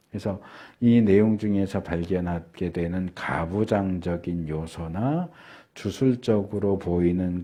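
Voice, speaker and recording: This middle-aged pastor preaches slowly in a low, mellow, husky voice. Frequent filler pauses break up his sermon, and he draws words out to stress them.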